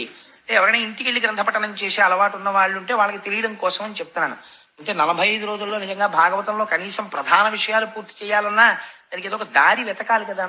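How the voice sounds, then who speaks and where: Woman preacher, very bright timbre, explains scripture, poses questions and answers them herself. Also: mid-range voice, rough recording. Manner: explanatory, often asks and answers her own questions. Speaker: devotional storyteller. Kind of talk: religious discourse on scripture.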